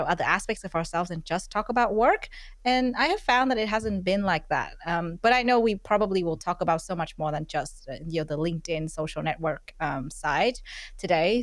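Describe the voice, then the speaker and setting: A woman's voice: lowish voice, no echo. A woman hosting a podcast interview over a remote recording, friendly and chatty with frequent fillers. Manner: friendly, many fillers, laughs often. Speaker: podcast host. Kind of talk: casual interview chat. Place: recorded virtually, remote call.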